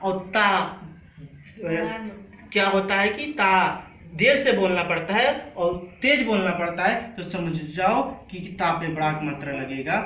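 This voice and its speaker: A man's voice: sits high, expressive, a little slow, bright, forceful tone, reverberant, slight background noise, low-quality recording. A man teaching a classroom lesson, repeating each sound and asking the class to say it back.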